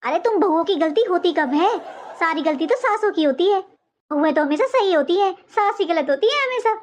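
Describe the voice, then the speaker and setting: Woman voicing a cartoon mother-in-law, older, very high voice, sarcastic, nagging, taunting. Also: animated, moderate pace, a little hiss or hum. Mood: sarcastic scolding. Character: sharp-tongued scolding older mother-in-law. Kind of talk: cartoon voice acting.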